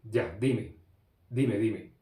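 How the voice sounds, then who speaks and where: A man, acting out a stern, angry father who firmly and slowly questions and punishes his young son in a sermon story. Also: fairly low pitch, warm tone. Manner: firm, slow, insistent questioning. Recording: echoey room.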